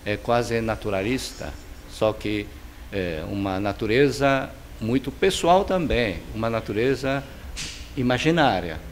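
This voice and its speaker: Chinese-accented man, unhurried and halting. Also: mid-range voice, expressive, a little hiss or hum. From China. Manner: unhurried, many fillers and restarts. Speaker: painter and architect interviewee. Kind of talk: interview answers. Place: home studio with paintings, indoors. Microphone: handheld interviewer's mic.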